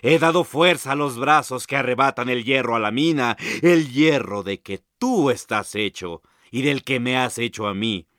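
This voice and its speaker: A man voicing a calm, patient talking sickle in a storybook, answering in a measured way. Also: mid-range voice, no echo, clean studio sound, lightly acted. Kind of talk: storybook narration.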